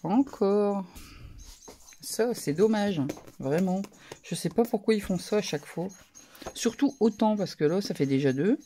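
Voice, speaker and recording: A woman casually talking through a craft haul, soft-spoken and murmuring, her asides drifting into whispers. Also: mid-range voice, animated, a little slow, pauses often, a little hiss or hum. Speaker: craft vlogger.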